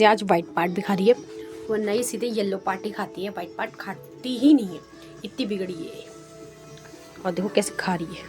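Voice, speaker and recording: A young woman chatting casually in a home vlog, teasing and talking straight to her viewers. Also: mid-range voice. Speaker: vlogger.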